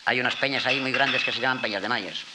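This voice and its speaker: A man telling a folk tale aloud in a casual, animated way, imitating animal sounds and restarting words as he goes. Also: mid-range voice, fast, noisy background. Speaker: storyteller.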